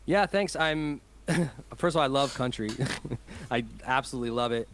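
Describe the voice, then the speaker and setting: A man's voice: mid-range voice, normal speed, fairly bright tone. A man who is a musician, chatting in an interview over a video call, enthusiastic and rambling, often laughing. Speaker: musician guest. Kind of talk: casual interview chat.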